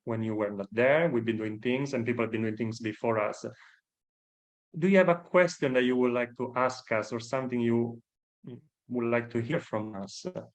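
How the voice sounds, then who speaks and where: Hesitant male panel moderator. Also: medium pitch. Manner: hesitant, many fillers. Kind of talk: panel discussion.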